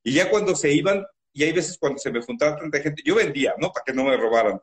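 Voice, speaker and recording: A man with a Mexican accent, a guest in an interview, telling stories from his life in a loud, animated, emotional way. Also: fairly high pitch, fast. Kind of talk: emotional storytelling.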